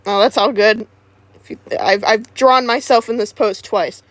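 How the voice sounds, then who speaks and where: Woman streaming and rambling, stops and restarts a lot, kinda high voice. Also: fairly even intonation, no room sound. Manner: rambling, halting, full of restarts. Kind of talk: casual livestream chat.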